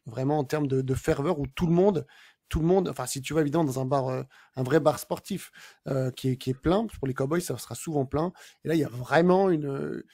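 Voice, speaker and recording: A man with a dark, mellow voice talking through a podcast segment. His delivery is casual and unpolished, with frequent pauses and restarts. He sounds like a co-host chatting with friends rather than reading a script. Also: on the high side. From France. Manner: hesitant, many filler sounds and restarts while describing places.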